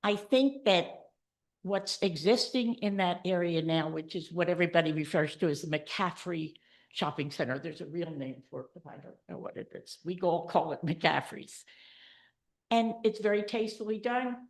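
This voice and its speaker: A woman's voice: lowish voice, normal speed. A woman speaking during public comment at a council meeting into a podium microphone. She reads out a list, then speaks earnestly and with emphasis. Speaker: resident giving public comment. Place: township council meeting room.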